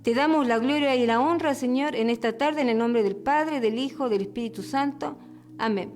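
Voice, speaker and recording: A woman's voice: a little high, moderate pace, a little mellow, soft background music. A woman preacher on a radio program, giving an earnest sermon and a long prayer, often repeating and restarting her words.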